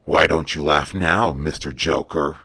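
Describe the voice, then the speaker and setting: A man voicing Batman, a grim, stern masked hero who speaks in a deep, gruff growl. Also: fairly even intonation, measured pace, bright, forceful tone, no room sound, heavily acted.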